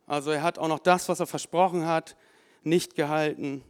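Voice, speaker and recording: A man preaching a sermon, telling the story lively and with emphasis and voicing the people in it. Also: a little high, moderate pace. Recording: long hall reverb.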